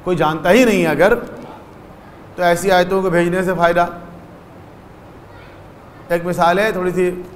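A man's voice: high voice, steady tone, long pauses, in a large hall, a little hiss or hum. A man giving a religious lecture, explaining step by step and acting out short dialogues in his stories.

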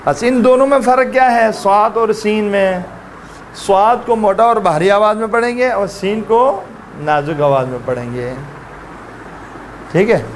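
A man's voice: high-pitched, slight background noise. A man teaching Quran letter pronunciation in a classroom, drilling sounds aloud and coaxing students to repeat. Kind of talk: classroom tajweed lesson.

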